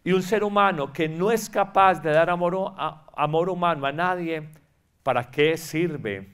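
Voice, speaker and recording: A priest speaks at a spiritual retreat in a fairly high voice. He preaches with emphasis, repeats his points and acts out the people he quotes. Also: measured pace, fairly bright tone, clean tone.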